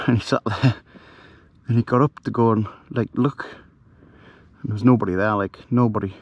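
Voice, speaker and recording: A middle-aged man, telling a ghost story in a hushed, rambling way with many fillers, camping outdoors at night. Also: fairly low pitch, fairly even intonation, normal speed. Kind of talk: casual storytelling to camera.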